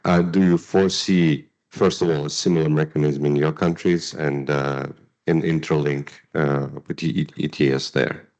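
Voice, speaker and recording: A man's voice: rumbling low, steady tone, darkish tone, muffled recording. A man from Russia, asking a question from the floor with frequent hesitations. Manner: halting, many hesitations. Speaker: audience member asking a question.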